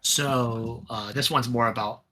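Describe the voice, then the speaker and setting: A man with a strikingly bright, forward voice, talking casually as a podcast co-host. His pitch sits in the middle for a man. He rambles in a relaxed way, with lots of fillers and restarts. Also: unhurried. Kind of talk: casual chat about a tabletop wargame.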